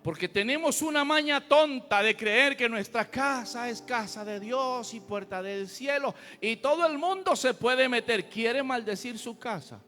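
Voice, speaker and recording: A man's voice: extremely high pitch, measured pace, hardly any pauses, bright, forceful tone, big-room sound, faint music behind. A man preaching a fiery, folksy sermon as a pastor, full of rhetorical questions. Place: church.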